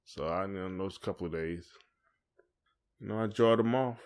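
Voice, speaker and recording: A man from the United States with a Southern accent and a low, darkish voice at a moderate pace co-hosts a casual couple's podcast. He chats colloquially and playfully teases.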